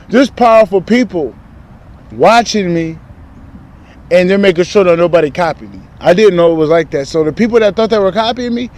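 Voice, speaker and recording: A man's voice: sits high, darkish tone. A man talking in a casual spiritual vlog, rambling and candid, full of profane street slang, recorded outdoors. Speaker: spiritual vlogger.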